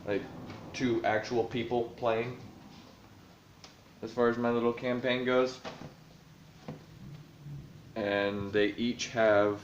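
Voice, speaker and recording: A man's voice: mid-range voice, little pitch movement, slow pace, long pauses, a little hiss or hum. A man vlogging casually about the tabletop campaign he runs as dungeon master, thinking aloud and rambling with lots of fillers, recorded in a room at home. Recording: roomy, dull lo-fi home recording.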